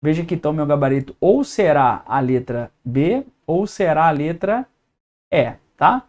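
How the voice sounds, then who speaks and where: A man's voice: on the high side, animated, normal speed, a little mellow. A man with a Brazilian Portuguese accent teaching an exam-prep lesson at a whiteboard, explaining step by step and checking in with his students.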